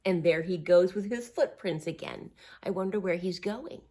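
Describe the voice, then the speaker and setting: A woman with a voice on the low side reads a picture book to young children at a moderate pace, with a little hiss or hum in the recording. She phrases things simply and encouragingly, emphasizing expressively and tossing in asides and questions.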